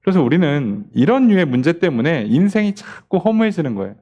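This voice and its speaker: Animated pastor teaching a Bible study. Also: male voice, a little high, fairly quick, highs cut off. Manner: conversational preaching with rhetorical questions and acted-out quotes.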